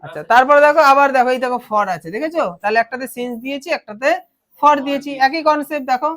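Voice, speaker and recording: A woman's voice: sits high, quick pace, fairly bright tone. A woman with a Bengali accent teaching a grammar lesson, explaining step by step and asking her students questions. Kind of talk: classroom lesson.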